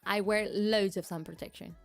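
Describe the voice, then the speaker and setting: A VTuber streamer with a medium-pitched voice and vocal fry reads her live chat and chats casually at a normal speed. Her intonation is fairly even, though she giggles often and keeps restarting sentences. Soft music plays in the background.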